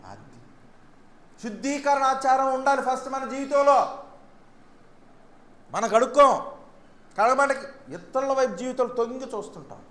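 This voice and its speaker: A male pastor preaching a sermon and mixing in English lines. He swings between loud, urgent declarations and sudden soft, low asides. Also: a little slow, long pauses. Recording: echoey room with faint background noise.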